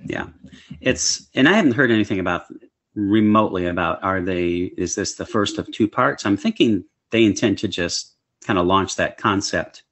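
A man's voice: low-pitched, moderate pace, fairly bright tone. A man co-hosting a casual podcast, upbeat and chuckling as he talks. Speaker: podcast co-host. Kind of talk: casual chat about comic book films.

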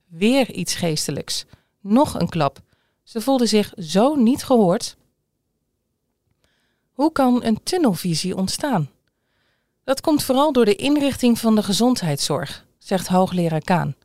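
A woman reading a news feature aloud in a calm, measured scripted narration. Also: medium pitch, no echo, clean studio sound. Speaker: newsreader.

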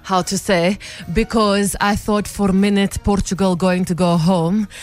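Over a music bed, a woman acts out a cheeky Russian correspondent with a heavy accent. She speaks broken English in a coy deadpan, proudly patriotic and faintly menacing, as in a comic radio interview. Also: medium pitch, a little slow, close to an everyday voice. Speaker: comic World Cup correspondent. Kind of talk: comedic radio interview in character.

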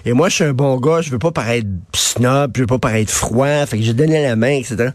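A man's voice: medium pitch, brisk, dry recording, clean studio sound. A male radio host with a Quebec French accent and a runny-nosed cold, giving an opinionated, colloquial monologue with emphatic repetition. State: head cold with runny nose.

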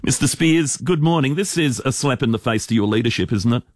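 Challenging radio host, dry studio. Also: male voice, medium pitch, animated, a little fast, dry recording. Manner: pointed, challenging questions. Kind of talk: live radio interview.

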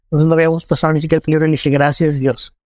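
A man with a Mexican accent, a journalist giving an earnest, measured personal testimony in an interview. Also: a little high, little pitch movement, a little mellow, dry recording, studio quality. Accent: Mexican Spanish.

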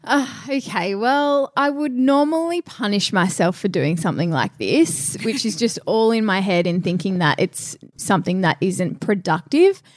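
A young woman co-hosts a podcast with a mid-pitched voice in a dry recording. Her talk is casual and informal, peppered with "like" and little quotes of herself. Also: animated, normal speed, few pauses, no room sound. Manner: informal, frequent "like" and self-quoting. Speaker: podcast co-host. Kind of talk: casual chat.

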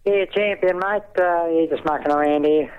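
A man's voice: a little high, moderate pace, smooth. A man with a broad Australian accent and a blokey tradesman's manner, giving earnest, emphatic opinions in folksy slang as a talkback caller. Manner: earnest, plain-spoken, emphatic. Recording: dull, lo-fi phone-in over radio.

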